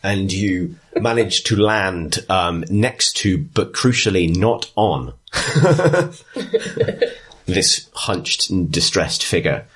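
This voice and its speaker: Low husky-voiced game master. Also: male voice, animated, slow, a bit bright. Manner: descriptive, chatty, laughs often, with frequent restarts. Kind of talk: narrating a tabletop game.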